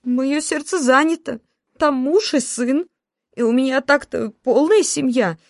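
A woman reading an audiobook voices its heroine, a wry office worker and mother who pleads with sarcastic, higher-pitched protests. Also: unhurried, no echo, clean studio sound.

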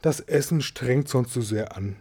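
A man's voice: medium pitch, a little slow, warm tone, husky. A man voicing a sleepy, very fat and lazy male president who sighs and talks sluggishly in a storybook reading. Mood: drowsy. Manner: sluggish, drowsy sighing.

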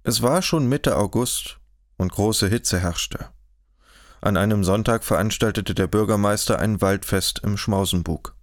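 A man narrating a historical novel in an audiobook, in a measured, even storytelling manner, close to the mic. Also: fairly low pitch, no echo. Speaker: audiobook reader. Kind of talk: scripted narration.

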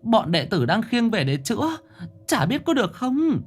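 A man's voice: high voice, big pitch swings, normal speed, breathy edge, pitched above the performer's own voice, full character voice. A man voicing a flustered, frightened older wife of a rich landlord, who stammers in a panic. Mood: panicked.

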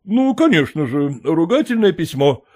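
A man voicing an educated gentleman who firmly and wearily refuses a request. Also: on the high side, very animated, moderate pace. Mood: refusing. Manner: refusing, exasperated. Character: educated gentleman, reluctant and firm.

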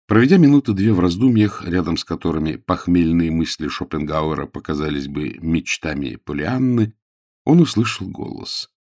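A man reading a story aloud as narrator, expressive and storytelling. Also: low voice, normal speed, dry recording, studio quality. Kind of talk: audiobook reading.

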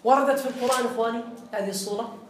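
A man's voice: very high voice, fairly even intonation, rapid-fire, slight background noise. A man teaching a classroom grammar lesson. He quizzes his students and repeats the key phrases. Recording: roomy classroom echo.

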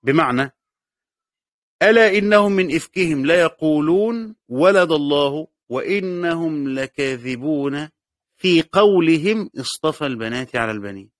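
A man's voice: a little high, expressive, moderate pace, no room sound, studio quality. A man with an Egyptian accent teaching a class. He reads a passage aloud, then explains it and repeats the key words. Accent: Egyptian Arabic. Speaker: teacher of Quran commentary. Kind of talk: classroom lecture reading and explaining a text.

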